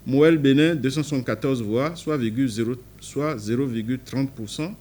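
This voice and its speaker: In a mid-range, somewhat dark voice at normal speed, a court official from Benin formally reads out election numbers, with a faint hiss or hum in the background. He puts weight on the party initials and corrects himself on certain figures.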